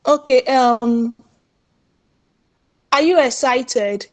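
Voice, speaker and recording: A woman's voice: high voice, drawn-out words, no room sound, poor audio. A young woman student, answering in class and politely calling her teacher sir.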